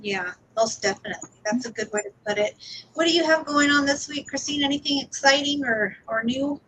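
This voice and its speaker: A woman's voice: high voice, brisk, fairly bright tone, a little hiss or hum, low-quality recording. A woman hosting a live video-call panel, giving brief agreeable replies and wrapping up the show. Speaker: host. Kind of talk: casual panel chat.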